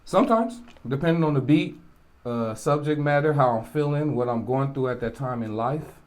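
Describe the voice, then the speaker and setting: A man from Jamaica, a rapper, talking casually in an interview, relaxed and rambling with many asides. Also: mid-range voice, moderate pace. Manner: relaxed, rambling, with frequent "you know" asides.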